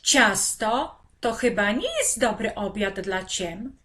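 A woman's voice: mid-range voice, lively intonation, slow pace, bright, forceful tone, a little hiss or hum. A woman reading a curious young boy's lines aloud from a children's story, in an eager, wondering tone. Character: curious young boy asking about moths.

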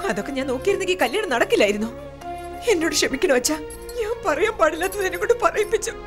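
A woman's voice: very high voice, expressive, rapid-fire, music in the background. An actress playing a defiant middle-aged wife who rebukes her husband in dramatic film dialogue. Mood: scolding. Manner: reproachful, cutting. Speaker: wife and mother.

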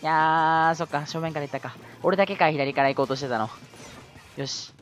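A man giving live commentary over his own gameplay, excitable, yelling at tense moments and adding self-mocking asides. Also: a little high, brisk, soft background music.

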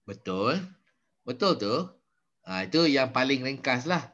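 A Malaysian English teacher in his fifties patiently coaches a student during an online conversation lesson, moving between Malay and English. His mid-range voice is animated, a bit bright, and at normal speed, though the video call audio is slightly dull.

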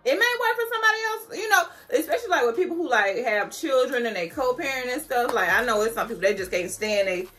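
A slightly tipsy woman in her thirties chatting casually to camera at home, loose and candid, with expressive, colloquial dramatic emphasis. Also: fairly high pitch, fast talker, hardly any pauses, faint music behind. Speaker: vlogger answering questions. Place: small decorated room at home, indoors.

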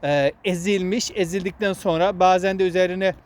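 Outdoors in a wooded area, a woman hosts a casual vlog, teaching children about nature and often repeating her words. Her voice is on the low side and darkish, with a steady tone and a fairly quick pace.

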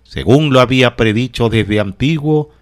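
A man leading prayer, reciting liturgy in a measured, solemn way in short phrases. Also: mid-range voice. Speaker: prayer leader.

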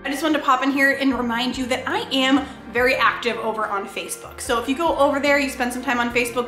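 With a fairly high pitch and sharp tone, a woman in her thirties from New Hampshire narrates her cooking vlog at home. She's a chatty, upbeat channel host addressing viewers as she cooks, and the roomy kitchen recording carries background music.

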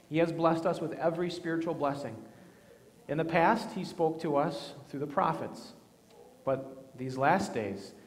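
Male pastor, solemn and measured, mid-pitched, long cathedral echo of a big church. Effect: cathedral echo, long church reverb. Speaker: pastor leading worship. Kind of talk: liturgical prayer and communion address. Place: large church sanctuary. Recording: long reverb of a large church hall.

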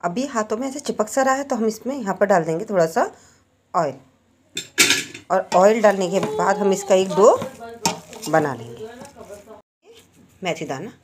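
A woman's voice: mid-range voice, expressive, normal speed, pauses often, background noise. A woman hosting a cooking channel, giving friendly step-by-step recipe instructions as a voice-over. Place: home kitchen.

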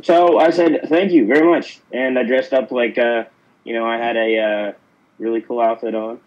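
A man's voice: mid-range voice, fairly even intonation, moderate pace, muffled recording. A man from Pittsburgh, an actor, telling stories in a casual interview, rambling with lots of fillers and restarts. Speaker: actor guest.

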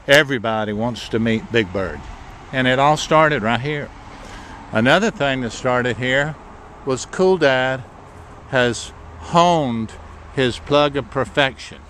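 A man's voice: mid-range voice, a bit bright, a little hiss or hum. Folksy man rambling on a riverbank. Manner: folksy, rambling, with fillers and repeats. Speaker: fishing spot tour guide. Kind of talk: casual narrated walking tour. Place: riverbank outdoors.

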